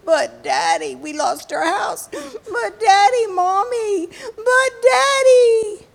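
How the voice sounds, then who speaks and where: A woman voicing a scared little girl in a bomb shelter, calling out in a high, pleading voice. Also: expressive, moderate pace, a little mellow, husky. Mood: wailing.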